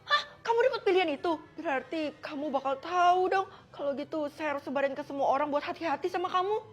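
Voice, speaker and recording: A woman's voice: high-pitched, quick pace, lightly acted. A woman voicing a rude, spiteful female teacher in a cartoon story. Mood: mocking. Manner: mocking, sharp.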